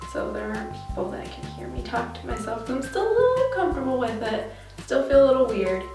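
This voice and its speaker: A young woman from Connecticut, USA, films a casual, chatty tag video as a vlogger, talking informally to the camera. She is indoors in a small bathroom, so the sound echoes. Her voice is medium-pitched and the mic is distant.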